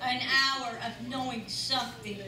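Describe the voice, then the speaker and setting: An older woman with a somewhat high, steady voice gives an earnest, emphatic testimony at an unhurried pace, repeating phrases for weight. She is a church member addressing an audience in a large sanctuary, and the noisy, echoey recording catches her voice from far off.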